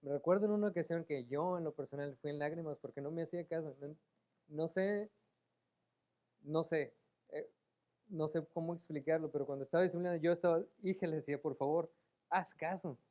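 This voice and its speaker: A man preaching a sermon in a church, acting out pleading voices and rising to loud emphatic peaks. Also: a little high, brisk, lo-fi sound. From Mexico. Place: church sanctuary.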